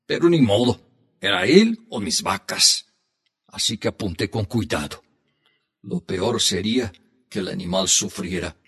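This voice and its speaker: A man reading the part of an old grandfather telling his grandchildren a hunting tale, in a slow, heartfelt storybook manner. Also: on the low side, animated, a bit bright, slightly rough, full character voice. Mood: reminiscing.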